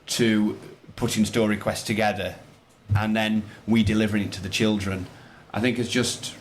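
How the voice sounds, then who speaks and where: Fairly low in pitch, a male primary school teacher answers interview questions conversationally at a moderate pace, his delivery flat. Still, he comes across as enthusiastic and rambling, frequently repeating phrases, and faint hiss or hum sits under the recording.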